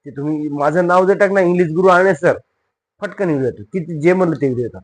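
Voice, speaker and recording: High-voiced man teaching spelling. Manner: asks questions for the students and answers them himself; spells words slowly letter by letter. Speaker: English teacher. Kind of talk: spoken classroom-style lesson.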